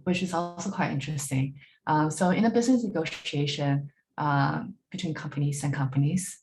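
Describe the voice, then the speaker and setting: At an online business bootcamp, a woman workshop speaker presents in a low, slightly mellow voice with a bit of hiss or hum. She uses lots of fillers, restarts sentences, and repeats words while searching, often closing a point with a questioning "right?"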